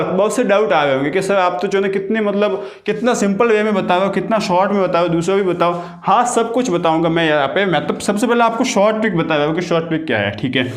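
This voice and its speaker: Chatty teacher with a high, echoey voice. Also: male voice. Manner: chatty, keeps asking "got it?". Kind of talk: exam-prep grammar lesson. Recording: echoey room.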